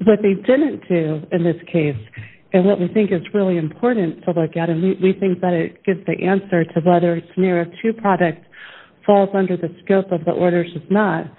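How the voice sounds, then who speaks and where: A woman's voice: lowish voice, fairly even intonation, moderate pace, husky. A woman speaking as a plaintiff's attorney, making a conversational legal argument in court. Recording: thin phone-like courtroom audio.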